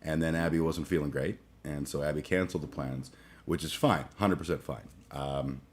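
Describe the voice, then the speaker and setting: A man's voice: a bass voice, steady tone. A man in his forties hosting a casual livestream chat, groggy after a late night and rambling with fillers, restarts and cursing. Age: 40s. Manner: halting, many fillers and restarts, profane. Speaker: livestream host.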